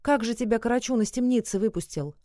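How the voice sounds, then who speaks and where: A woman's voice: on the high side, fast talker, warm tone, dry recording, clean studio sound, voice pushed up, close to an everyday voice. Woman voicing a lovesick bear-man god. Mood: pleading. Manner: pleading, wounded.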